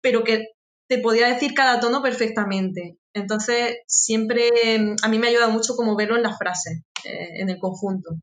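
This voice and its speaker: A woman's voice: on the high side, normal speed. Spanish woman in a roomy, echoey space. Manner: relaxed, thoughtful explaining. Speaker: guest. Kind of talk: casual podcast chat. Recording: roomy echo.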